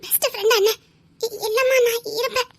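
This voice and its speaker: A woman playing a naive, high-voiced young woman. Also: steady tone, a little fast. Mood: shy. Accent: Tirunelveli Tamil. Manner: hesitant, stammering, soft. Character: naive young woman, trusting and easily tearful. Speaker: actress in a skit. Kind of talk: melodramatic skit acting.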